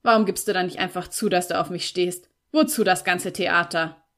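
A woman's voice: on the low side, steady tone, a little slow, fairly bright tone. A woman voicing an arrogant young man who talks in a hard, mocking, clipped way in an audiobook reading. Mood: scornful. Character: arrogant, scornful young man, quick to anger.

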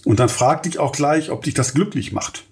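A man's voice: a little high, normal speed, darkish tone. A middle-aged man hosting a solo podcast about entrepreneurship, talking earnestly and motivationally straight to his listeners.

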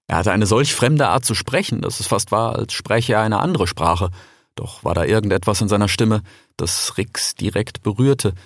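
Male audiobook narrator, low and gravelly, close and dry, calm storytelling. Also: normal speed, dry recording.

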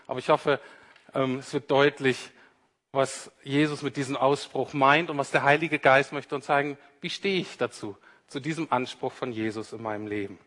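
A preacher with a medium-pitched, slightly bright voice delivers a conversational sermon in a reverberant church hall. He speaks straight to the people listening and acts out whatever he quotes.

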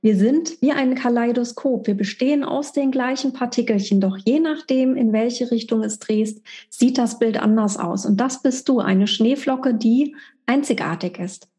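A woman's voice: on the high side, normal speed, mellow. A middle-aged woman giving a monthly spiritual energy forecast, speaking directly and emphatically to the listener as a coach.

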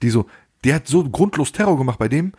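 A man co-hosting a casual podcast, telling a story in slangy, animated talk and acting out the people in it. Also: medium pitch, fast, husky. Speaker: podcast co-host.

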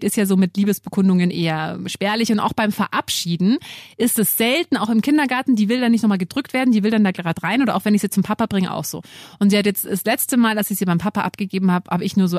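Brisk, earnest woman co-hosting a chat. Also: medium pitch, no echo, studio quality. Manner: earnest, reflective, laughs easily. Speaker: podcast co-host. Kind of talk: casual chat.

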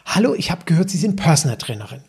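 A man's voice: on the high side, very animated, fast, creaky, a little mellow, breathy edge, heavily acted. Man quoting a friendly woman caller. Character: woman calling a trainer, friendly, adult.

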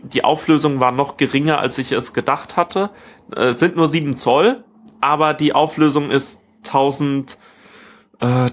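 Man, medium-pitched voice, casual podcast co-host, rambling, stop-start phrasing, corrects himself. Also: fairly bright tone. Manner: rambling, halting, self-correcting. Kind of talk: casual tech podcast chat. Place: living room.

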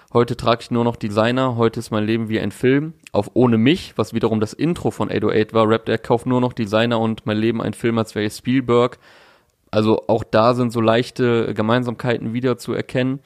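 A young man co-hosting a music podcast thinks through a release in casual conversation, stumbling over fillers and restarts. His voice is mid-range and steady at a normal pace, recorded in studio quality without room sound.

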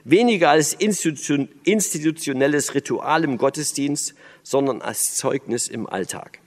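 A man's voice: a little high, moderate pace. Man lecturing in a reverberant hall. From Berlin. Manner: thoughtful, many fillers and restarts. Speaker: speaker on church and religion.

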